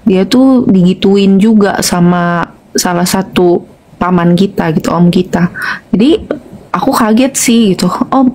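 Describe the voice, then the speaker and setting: A woman's voice: on the low side, a little mellow. A woman calling in, confiding a family problem in a distressed, rambling way with many fillers. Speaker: caller. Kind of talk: phone-in confession.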